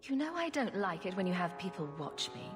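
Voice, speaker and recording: A woman's voice: medium pitch, very animated, a little fast, lightly acted. A woman playing a wry, sardonic adventurer. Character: wry female adventurer hero. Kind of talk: video game voice acting. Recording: game audio with long reverb and music.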